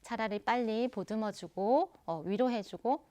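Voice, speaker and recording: A woman giving an online parenting lecture, explaining calmly and addressing parents directly. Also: fairly high pitch, measured pace.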